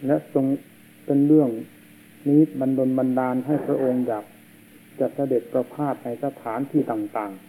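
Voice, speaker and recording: A man, a monk, giving a slow and solemn sermon, heard on an old worn tape. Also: mid-range voice, mellow, slight background noise, low-quality recording. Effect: old worn tape recording.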